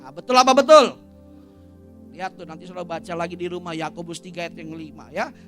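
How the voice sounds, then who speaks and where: A male pastor, preaching a lively, humorous sermon and leading the congregation in call-and-response. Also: sits high, quick pace, faint music behind. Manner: energetic, jokes and leads call-and-response with congregation. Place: church service.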